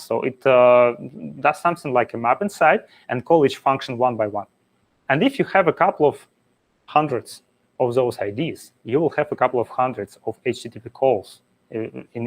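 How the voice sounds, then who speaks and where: Man giving a technical meetup talk. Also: mid-range voice. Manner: explains step by step with frequent "uh" fillers. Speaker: conference speaker. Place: meetup venue.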